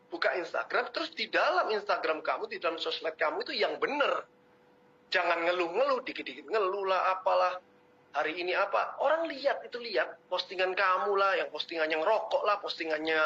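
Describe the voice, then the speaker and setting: A man giving a motivational webinar talk, lecturing and teasing his audience in an animated way. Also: high-pitched. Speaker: webinar speaker. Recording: muffled webinar audio.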